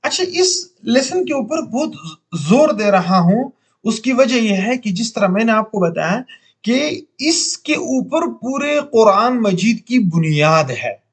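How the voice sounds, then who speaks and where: A man with a Pakistani Urdu accent teaching Quran reading, drawing out each letter sound slowly and repeating it for learners. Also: sits high, sing-song, breathy edge. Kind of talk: slow letter-by-letter recitation lesson.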